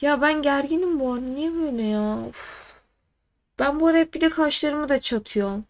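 A young woman co-hosting a casual chat, telling stories in an animated, exasperated way and swearing often. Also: sits high, brisk. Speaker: podcast co-host.

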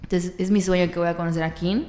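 A young Mexican woman co-hosting a podcast in casual, slangy chat, her voice going hoarse. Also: fairly low pitch, steady tone, quick pace, dark tone, echoey room, long reverb tail. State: losing her voice. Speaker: podcast co-host.

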